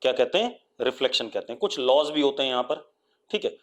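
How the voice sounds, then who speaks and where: In an animated, fairly bright voice of medium pitch, a man with an Indian accent teaches a live physics lesson online. He coaxes the class with question after question, waits for them to respond, and slowly dictates definitions in English one word at a time.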